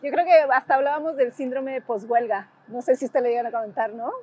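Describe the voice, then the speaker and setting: A woman's voice: fairly high pitch, fairly even intonation, fast, dark tone, breathy edge. A woman in her forties with a Mexican accent, recalling past events in a documentary interview, reflective and emotional, often ending phrases with tag questions. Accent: Mexican Spanish. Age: 40s. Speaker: interviewee, former student activist.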